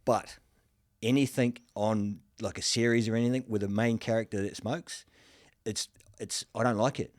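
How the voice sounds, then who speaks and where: Laid-back swearing podcast host, low voice. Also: male voice, moderate pace, dry recording, clean studio sound. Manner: relaxed storyteller, swears casually. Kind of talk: casual chat.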